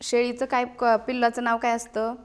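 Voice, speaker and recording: A woman's voice: on the high side, completely flat delivery, moderate pace. A woman teacher with a Marathi accent, showing a classroom teaching aid, who patiently asks questions and repeats the answers.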